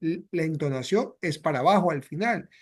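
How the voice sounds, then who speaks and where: High-voiced bilingual English teacher. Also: male voice, animated, brisk, slightly rough. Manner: mixes English and Spanish, repeats phrases with "¿ya?" and "¿ok?". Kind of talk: bilingual classroom explanation.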